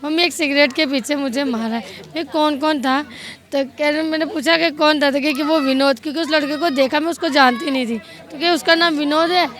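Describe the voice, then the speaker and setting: A woman's voice: sits high, fairly even intonation, fairly quick, fairly bright tone. A middle-aged woman giving a distressed, pleading account in a street interview outdoors. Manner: distressed, pleading, tearful at times. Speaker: victim's stepmother.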